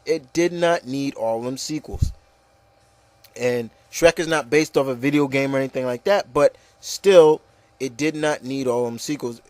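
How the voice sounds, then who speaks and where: With a mid-range, darkish voice and a measured pace, this podcast host runs a casual, opinionated discussion. He speaks with emphasis and repeats phrases to drive his points home, and the recording has no room sound.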